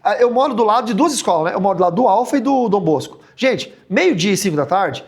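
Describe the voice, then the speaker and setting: A man, a pastor teaching a Bible study in a joking, animated way that often jumps into high mocking tones. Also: quick pace.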